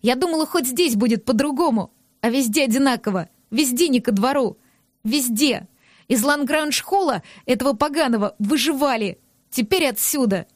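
A hot-tempered young woman snaps and shouts in a high, indignant voice, as a woman reading the audiobook puts her on. The sound is dry and close to the mic. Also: lively intonation, normal speed, no room sound. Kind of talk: audiobook character voice.

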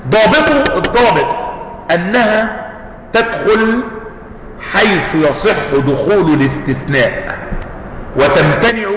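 A man with an Egyptian accent teaching Islamic jurisprudence. He reads a line of the text, then explains it in colloquial speech and keeps asking his listeners questions. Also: fairly high pitch. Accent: Egyptian Arabic. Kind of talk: classroom lecture explaining a text. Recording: echoey hall, dull lo-fi, noisy.

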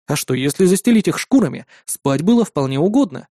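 A man narrating a first-person story in an expressive audiobook style, voicing the dialogue. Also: on the high side, a little fast, dry recording, clean studio sound.

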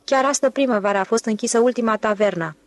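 A woman's voice: a little high, no echo, close to an everyday voice. A woman reading an eager young museum director. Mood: enthusiastic. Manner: eager, talkative, boastful about progress. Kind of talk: audiobook character voice.

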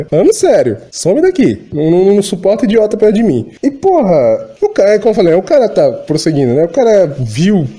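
A Brazilian man rants at his listeners as a channel host, cursing freely. His voice sits high and leaps around in pitch. It has a thin, bright, sharp edge. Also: very animated, fast talker, few pauses. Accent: Brazilian Portuguese. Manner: profane, agitated rant. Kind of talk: ranting monologue.

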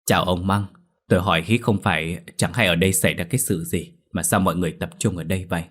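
A man voicing a stern, gruff old male village elder in a storybook horror tale. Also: low-pitched, steady tone, quick pace, a bit bright. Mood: grave. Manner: gruff, commanding.

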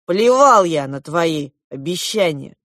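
A woman reading a storybook aloud and voicing a jealous, hot-tempered boy who shouts his retorts. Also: mid-range voice, big pitch swings, measured pace, dry recording, clean studio sound, pitched above the performer's own voice. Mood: defiant.

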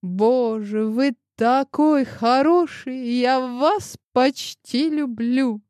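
A woman's voice: high-pitched, extremely slow, a little mellow, no echo, studio quality, pitched above the performer's own voice. A woman reading an audiobook and voicing a brash, sarcastic secretary in her forties with a cheeky, theatrical manner.

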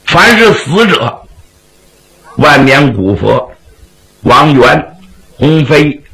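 A male storyteller with a bright, gravelly voice who narrates slowly and expressively. His pitch leaps up and down dramatically as he tells the story. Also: big pitch swings, poor audio. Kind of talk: traditional Chinese pingshu storytelling.

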